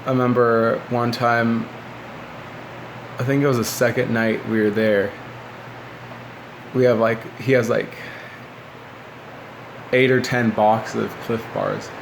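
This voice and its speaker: A man's voice: medium pitch, little pitch movement, slow pace, creaky, pauses often, a little hiss or hum, low-quality recording. A man in his twenties telling stories casually in a laid-back, rambling way, recorded on a phone indoors. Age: 20s. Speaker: former military recruit recounting boot camp. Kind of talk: casual rambling storytelling to camera. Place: small living room indoors, seated by a window. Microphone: phone at arm's length.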